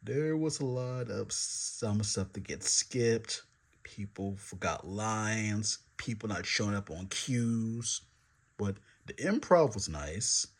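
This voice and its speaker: A man's voice: fairly low pitch, lively intonation, takes it slowly. A man judging a show, giving laid-back, plainspoken critique. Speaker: judge. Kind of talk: casual chat.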